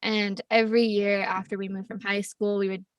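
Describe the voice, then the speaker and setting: A young woman raised in Costa Rica, a plant medicine facilitator, appears as a podcast guest and tells her story in a casual interview. She laughs often and rambles with plenty of fillers in a mid-range, level voice at normal speed. The recording is dry, with her sitting a little back from the mic.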